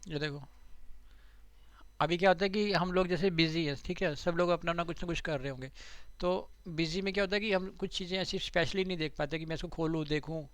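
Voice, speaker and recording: A man's voice: on the high side, a little fast, a bit bright, no echo. A man teaching a live online digital marketing class, chatty and checking in often with his students. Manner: conversational, repeats "theek hai" to check students follow.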